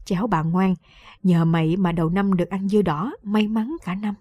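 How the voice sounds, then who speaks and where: A woman voicing a quick-tempered old mother-in-law who yells and scolds in a raised, shrill voice. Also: steady tone, husky, no room sound, lo-fi sound, close to an everyday voice. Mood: doting.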